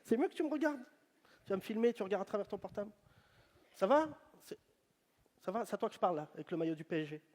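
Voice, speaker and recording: A stand-up comedian with a strikingly high voice works the crowd, teasing people loudly. He talks into a handheld mic on a big stage. The live show carries a long reverb from the hall. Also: very animated, fast, long pauses. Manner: teasing, loud banter with the audience. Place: large venue on stage.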